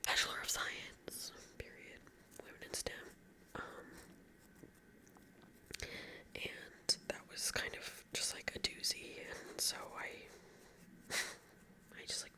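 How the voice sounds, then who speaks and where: Young woman in her 20s, whispered ASMR chat, crisp bright whisper, stuffy nose, loud breaths, rambly filler-heavy delivery. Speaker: ASMR creator.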